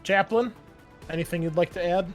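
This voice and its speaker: This game master's voice sits high and moves fairly quickly. Hosting the show, he runs a tabletop roleplaying game and narrates casually, with descriptive, wry touches, while music plays underneath.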